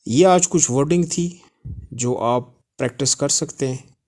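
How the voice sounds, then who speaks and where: A man giving an English pronunciation lesson at a middle pitch. He spells words letter by letter and says them over and over, slow and deliberate. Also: darkish tone. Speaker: English teacher. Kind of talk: spoken language lesson.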